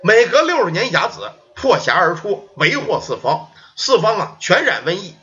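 A man's voice: high voice, big pitch swings, sharp tone, lo-fi sound, heavily acted. Man doing an old pleading ghost. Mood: grave. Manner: slow, pleading, old-fashioned formal speech.

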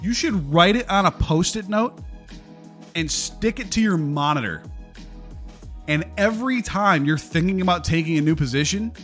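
A man with a slightly raised pitch talks through the markets in a casual live stream, blunt and given to swearing. He answers his viewers' chat comments as he goes. Soft music sits faintly in the background. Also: lively intonation, moderate pace.

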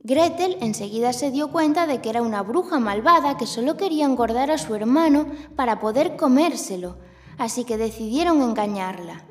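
A woman's voice: fairly high pitch, lively intonation, normal speed, big-room sound. A woman speaking like a kids show host, narrating a scripted children's story to young listeners. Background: music.

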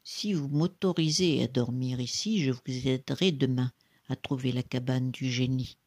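A storyteller voicing a calm, wise old male beggar with a husky voice, in a slow, firm storybook manner. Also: medium pitch, close to an everyday voice. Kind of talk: storybook character voice.

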